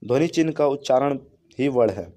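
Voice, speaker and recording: Dark-voiced man teaching a grammar lesson. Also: medium pitch, expressive. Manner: explains each rule twice and restarts with simpler wording; drawn-out sounding of vowel examples. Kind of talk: classroom-style lesson.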